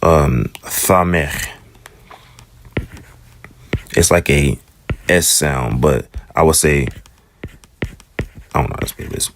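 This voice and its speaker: A man giving a relaxed, rambling lesson on Hebrew letters, slowing down to sound out letters and repeat them. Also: very deep voice, background noise. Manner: relaxed, rambling explanations with slow drawn-out sound demonstrations. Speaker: Hebrew teacher. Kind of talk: casual spoken lesson.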